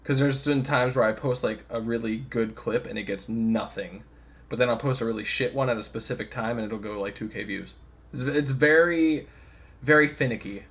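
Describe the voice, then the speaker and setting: A man's voice: medium pitch, moderate pace, a bit bright. A young man co-hosting a podcast, talking loosely in casual chat, swearing freely and laughing often. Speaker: podcast co-host.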